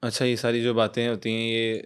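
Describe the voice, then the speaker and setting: A man's voice: medium pitch, monotone, smooth. A man hosting an interview, respectfully calling his guest sir and asking him to share stories. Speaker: interview host. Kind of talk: interview questions.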